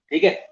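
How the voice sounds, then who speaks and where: A man teaching English literature in a classroom, going through exam questions in a mix of Hindi and English, spelling out words and repeating key points. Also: poor audio. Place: classroom with students, also streamed online.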